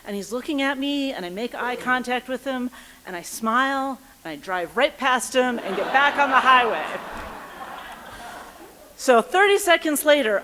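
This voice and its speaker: A woman's voice: sits high, pushed and bright. A woman in her thirties tells a personal story live on stage, acting out voices and thoughts with comic timing. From United States. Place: theater stage before a live audience.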